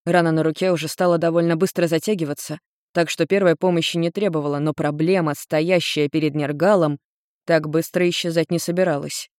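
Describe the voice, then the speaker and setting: Measured male audiobook narrator. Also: fairly high pitch, fairly even intonation, a little mellow, clear, resonant tone, dry recording, clean studio sound.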